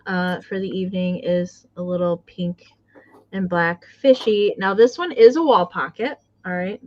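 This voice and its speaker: A woman's voice: medium pitch, highs cut off. A woman co-hosting a live vintage sale, talking casually with many fillers as she describes a piece. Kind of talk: live auction selling.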